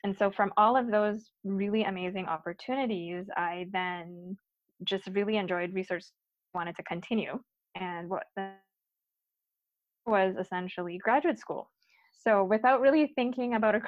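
Guesting on a laid-back podcast interview, a young woman from Guyana who recently finished her PhD speaks earnestly, filling her talk with many fillers. Her pitch is medium, and the sound is dull, dry and lo-fi, without any room sound.

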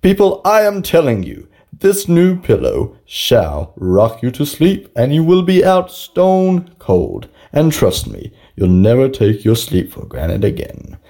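A man playing an earnest salesman in a scripted parody infomercial, giving a grandiose pitch for an absurd product. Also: huge pitch swings, slow pace, creaky, few pauses, dark tone, full character voice. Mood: grandly earnest. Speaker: advertisement announcer.

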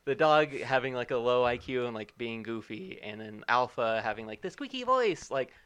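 A man's voice: medium pitch, steady tone, normal speed, a bit bright, clean tone, dry recording. A man co-hosting a podcast in casual chat, critical and set on finishing his point. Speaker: podcast co-host.

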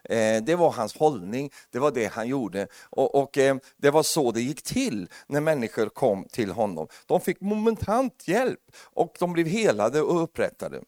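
A man preaching a lively sermon, joking with the congregation and building to loud, emphatic preaching. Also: mid-range voice, few pauses, no room sound, studio quality.

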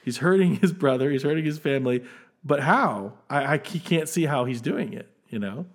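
Give me a man with a slightly high, very lively voice chatting about a movie. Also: moderate pace. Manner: animated, rambling, often restarts and acts out quoted lines. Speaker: podcast co-host. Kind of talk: casual film-discussion chat.

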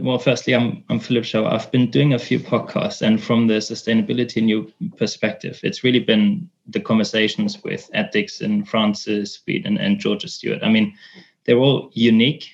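A man's voice: lowish voice, creaky. A man talking casually as a podcast contributor. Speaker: podcast co-host, sustainability consultant. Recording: slightly dull audio.

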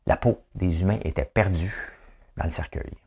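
A man's voice: deep voice, moderate pace, darkish tone, breathy edge. A male host with a Quebec French accent, running a chatty trivia monologue that keeps tossing in "hein?" and slipping into English phrases.

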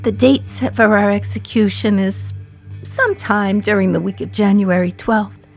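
In a radio drama, an actress voices a condemned mother speaking from prison, her medium-pitched voice gravelly and natural at a normal speed. She confides with dry gallows humour, wistful but defiant, bitter and resigned, as music plays under the monologue.

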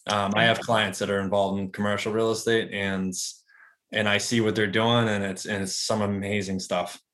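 A man in his early thirties speaks in a slightly low voice. He talks about real estate as a guest in a casual interview. He is relaxed and rambling, with lots of fillers and restarts. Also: normal speed. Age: 30s.

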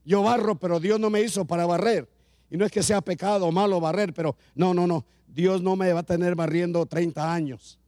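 A man's voice: sits high, fairly even intonation, brisk, darkish tone, no echo. Male pastor, sermon delivery with repeated emphatic phrases; dry, close recording. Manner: preaching with repetition and rising emphasis.

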